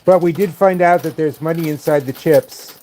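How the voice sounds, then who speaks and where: An older man hosts a relaxed live stream, tossing out dry, wisecracking remarks to his viewers. His voice sits fairly high for a man. Faint clicks and clattering coins from a game machine are heard behind him. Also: normal speed, slight background noise. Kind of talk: casual live-stream chat.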